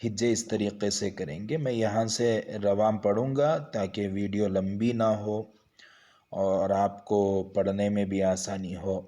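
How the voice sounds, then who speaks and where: A man's voice: on the low side, fairly even intonation, dark tone. Patient male Quran teacher drawing syllables out. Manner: stretches each syllable slowly and patiently, explaining pronunciation. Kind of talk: slow drawn-out recitation lesson.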